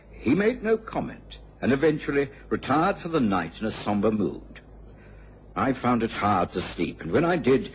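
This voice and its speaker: A man with an English accent playing Dr Watson, a measured gentleman companion narrating a radio drama in literary style. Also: mid-range voice, close to an everyday voice. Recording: dull old radio recording, faint noise.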